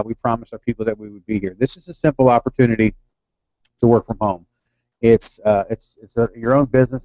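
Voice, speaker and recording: A man's voice: mid-range voice, dry recording, dull audio. A man co-hosting an informal business presentation, explaining things in a wordy way and correcting himself as he goes. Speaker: co-host, online marketing presenter.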